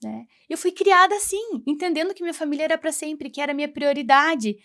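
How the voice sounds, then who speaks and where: A woman in her forties, a women's mentor appearing as a talk show guest, shares a personal testimony earnestly and reflectively. Her voice is high, fairly bright and a bit fast, and she acts out conversations she remembers.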